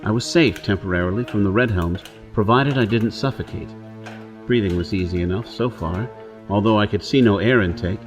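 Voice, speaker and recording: In an audio drama, an actor plays a rugged, wary Earth-born outlaw on Mars, narrating in first person with intense, theatrical tension as he talks himself through things. His lowish voice is brisk and close to an everyday voice, with soft music behind it.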